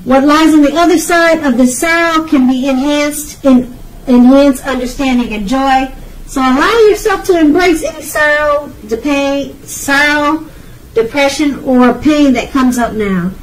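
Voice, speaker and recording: Her voice sits high and she talks a little slowly as a tarot card reader doing an unscripted reading. She reassures and advises the viewer, hesitating and repeating phrases. She's recorded far from the microphone, with slight background noise.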